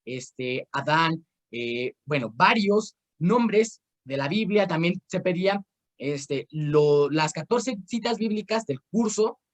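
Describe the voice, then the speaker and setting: A young man with a Mexican Spanish accent and a noticeably high voice leads a casual online Bible class. He rambles through personal stories and instructions, filling pauses with "este" and restarting sentences. He speaks into a video call microphone.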